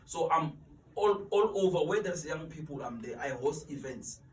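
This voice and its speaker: A young man in his twenties, guest on an interview, speaks with a fairly high voice, lively intonation and normal speed. He talks earnestly and motivationally about mentoring students, often repeating words as he searches for the right ones. The recording has an echoey room, a distant mic and faint noise.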